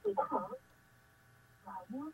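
A radio host whose polite, formal phrases come back as a delayed echo through a caller's phone and radio. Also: female voice, normal speed. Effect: delayed echo of her own words coming back through a caller's phone and radio. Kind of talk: call-in radio show. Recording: tinny phone line with radio feedback echo.

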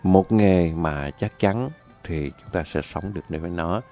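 A man's voice: deep voice, a little slow, dark tone, faint music behind. A man telling folk tales on a radio program, chatty and addressing the listeners directly. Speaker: radio storyteller. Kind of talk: folk-tale storytelling.

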